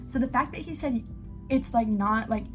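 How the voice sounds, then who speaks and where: A woman in her early twenties reacts on camera with gushing, rambling fan excitement, breaking into giggles. Her voice sits fairly high. Faint music plays behind her. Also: moderate pace. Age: 20s. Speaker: YouTube reactor.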